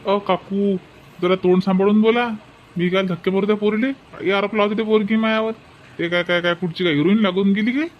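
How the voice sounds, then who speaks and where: A man's voice: high-pitched, fairly even intonation, fairly quick, muffled recording, slight background noise, lightly acted. A man voicing a cheeky young male student troublemaker with a Varhadi Marathi accent, brash and argumentative. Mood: defiant. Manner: defiant, whining when caught.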